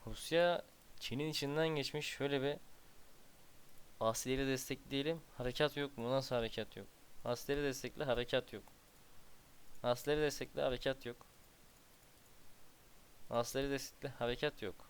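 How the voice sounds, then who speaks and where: A man's voice: mid-range voice, steady tone, fairly quick, pauses often, smooth. A man casually commenting on his strategy game as he plays, muttering to himself and breaking into exasperated outbursts. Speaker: gameplay commentator.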